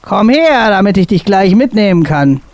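A woman's voice: mid-range voice, big pitch swings, normal speed, darkish tone, dry recording. A woman reading aloud and voicing a scornful male sea devil monster in a spoken storybook. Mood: gloating. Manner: gloating, scornful.

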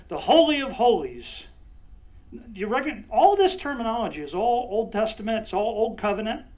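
A male pastor preaching a conversational sermon, drawing on listeners by name and checking in with frequent "right?". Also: extremely high pitch. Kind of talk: sermon with acted-out role-play. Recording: dull lo-fi recording.

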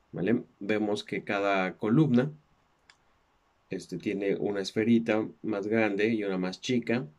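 This man, an English teacher and native Spanish speaker with a Mexican accent, has a lowish, somewhat dark voice. He patiently walks through English textbook exercises, sprinkling in fillers such as "este" and "ajá".

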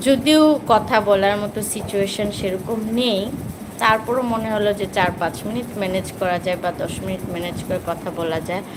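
A woman from Bangladesh talking casually to viewers on a livestream, pausing often with hesitation sounds. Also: mid-range voice, noisy background. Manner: chatty, with many hesitation sounds. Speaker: vlogger hosting a livestream. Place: at home after coming in from outside.

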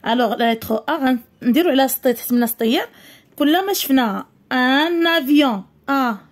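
A woman with a Moroccan accent teaching a primary school French lesson, reading words slowly and deliberately, then explaining quickly. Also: sits high, animated.

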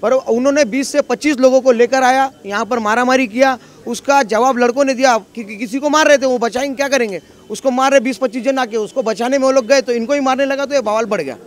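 A man's voice: extremely high pitch, quick pace, hardly any pauses. A local man in a street interview, talking insistently and with grievance. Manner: aggrieved, insistent. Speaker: local resident.

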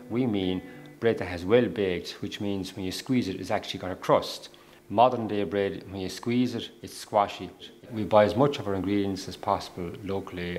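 A man's voice: low voice, a little hiss or hum. An older man, explaining bread matter-of-factly in a documentary interview. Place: café interior.

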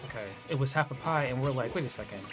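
A young man chatting casually on a stream while playing a game, rambling and relaxed with many fillers. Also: mid-range voice, fast. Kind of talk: casual chat while gaming. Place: home gaming setup. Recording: game music behind voice.

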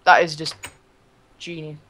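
A man's voice: on the high side, level tone, unhurried, bright, forceful tone. A young man making casual, playful conversation as a co-op partner in a video game. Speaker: co-op gaming partner. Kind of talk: casual game chat commentary.

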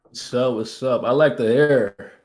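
A man's voice: medium pitch, measured pace, a little mellow. A man in his twenties from Jamaica, laid-back and slangy, chatting and flirting on a video date over a headset. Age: 20s. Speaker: dating contestant. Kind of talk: casual flirty chat. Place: home room.

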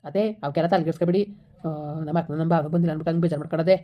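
A dutiful young village groom, played by a woman in a comedy skit, with a rural Karnataka accent. The voice is polite and reassuring and the delivery is quick. The recording sounds dull and lo-fi. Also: deep voice, steady tone, natural voice. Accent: rural Karnataka Kannada.

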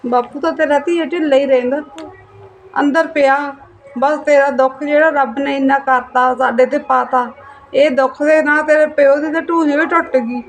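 A woman's voice: sits high, steady tone, moderate pace, a little hiss or hum. An actress playing a worried mother consoling her troubled daughter. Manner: consoling, mournful. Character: worried caring mother, soft-spoken. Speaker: mother character.

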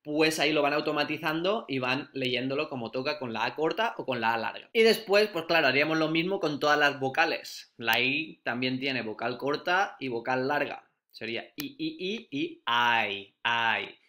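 A male primary school teacher giving a phonics lesson, slowly sounding out and repeating letter sounds. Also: mid-range voice, lively intonation, sharp tone.

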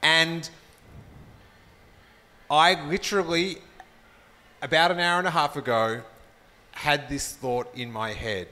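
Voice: mid-range voice, fairly even intonation, slow, pauses often, bright, forceful tone, in a large hall. An Australian comedian co-hosting a live comedy podcast, playful and laughing. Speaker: comedian co-host.

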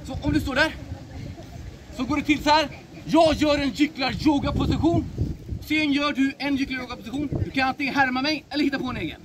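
A woman playfully leading a game outdoors, calling out loudly to a cheering audience. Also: high-pitched. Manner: animated, calls out loudly to the audience. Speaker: game leader. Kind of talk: playful game hosting for a crowd. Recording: loud crowd and street noise.

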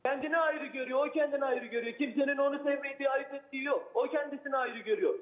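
A man's voice: very high-pitched, rapid-fire, roomy sound, narrow, tinny audio. A man, the guest's older brother, arguing indignantly on a talk show. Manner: indignant, argumentative. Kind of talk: heated talk-show argument.

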